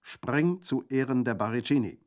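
A man's voice: on the low side, moderate pace, a little mellow, pitched above the performer's own voice, close to an everyday voice. A man voicing a hot-tempered older male Corsican bandit in a radio reading, blunt and emphatic. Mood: gruff.

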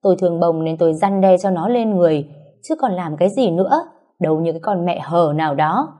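A woman's voice: on the low side, brisk, mellow, close to an everyday voice. A woman voicing a spiteful middle-aged woman who sneers and scolds. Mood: defensive.

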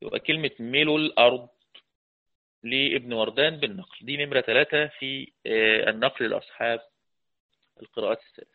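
Egyptian male teacher, mid pitch, chatty lecture with slow chanted quotes, tinny phone-line sound. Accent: Egyptian Arabic. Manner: conversational, asks the class questions, chants verses slowly. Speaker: Quran recitation teacher.

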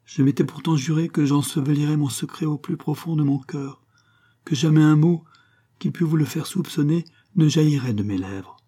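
Give me a distraught young nobleman, half-whispered and breaking, played by a man, husky and dark. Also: on the high side, normal speed, voice pushed up.

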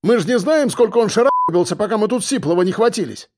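A man's voice: high voice, lively intonation, slight background noise, voice pushed up. A man voicing a nervous, fidgety red-haired convict in an audiobook. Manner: quick, nervous.

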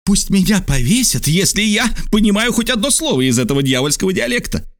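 A man voicing a high, excitable geographer. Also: no echo, clean studio sound. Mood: indignant. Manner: exclaiming, over-enunciating, quick to take offence. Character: excitable absent-minded French geographer, man. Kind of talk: audiobook character voice.

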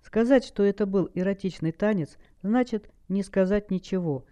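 Mellow male audiobook narrator. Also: high voice, normal speed, clear, resonant tone. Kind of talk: scripted narration. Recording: dull lo-fi recording.

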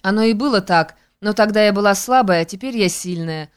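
A woman's voice: mid-range voice, a little fast, clean tone, natural voice. A woman reading an audiobook, voicing a proud, fiery young woman singer who speaks in a cutting way. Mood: warm, teasing.

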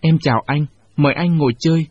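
A man voicing a small, weak, timid female insect who sobs and pleads, with a husky voice. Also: fairly high pitch, fast talker, a little mellow. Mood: polite. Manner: sobbing, pleading. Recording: dull lo-fi recording.

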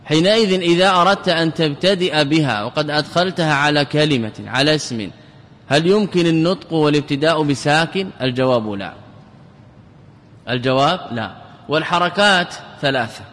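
A man's voice: a little high, brisk, fairly bright tone. A man teaching as a sheikh, with a slightly raised voice that rings out through the long reverb of a large hall. He asks rhetorical questions and answers them himself. He drags out and repeats key words for his students. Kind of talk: classical Arabic grammar lecture.

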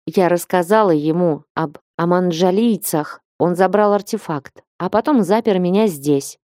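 A headstrong young bride voiced by a woman narrator speaks up in a raised, higher voice. The tone stays mellow. It is recorded close and dry. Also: lively intonation, normal speed, no echo, lightly acted. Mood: agitated. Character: young rebellious woman, a reluctant royal bride.

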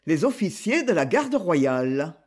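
Husky, animated male audiobook narrator. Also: on the high side, a little slow. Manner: expressive reading with voiced dialogue. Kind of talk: scripted narration.

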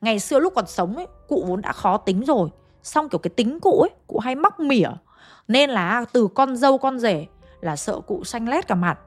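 A woman's voice: on the high side, big pitch swings, normal speed, soft background music. A woman telling a ghost story in a chatty, conversational way, speaking straight to her listeners. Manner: chatty, addresses listeners directly.

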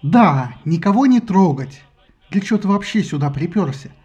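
A fussy divine mother nags and scolds in a raised, loud voice, as a man puts her on in a storybook reading. She turns syrupy and fawning toward her betters. The recording sounds dull and lo-fi. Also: sits high, moderate pace, lightly acted. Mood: scolding. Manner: scolding shrilly, fawning to superiors.

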